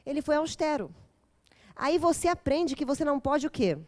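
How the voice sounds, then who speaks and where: A woman's voice: high-pitched, expressive, moderate pace, a little mellow. A woman giving an intense, dramatic talk at a parents' course, quizzing her audience as she goes. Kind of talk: lecture to a live group.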